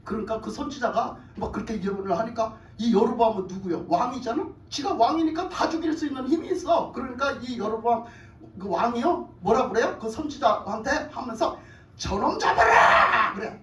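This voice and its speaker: A woman's voice: on the high side, a little fast. Lady pastor preaching casual story-style, asks the crowd questions, sounds far off in a roomy hall. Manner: colloquial storytelling, asking the congregation questions. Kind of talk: sermon. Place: church hall.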